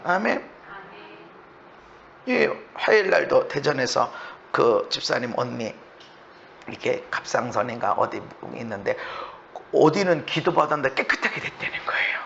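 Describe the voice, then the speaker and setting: A man preaching a sermon as pastor, swinging from soft, low asides to loud shouted exhortation and acting out quoted voices with laughs along the way. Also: lively intonation, normal speed, gravelly, long pauses, dull audio, slight background noise.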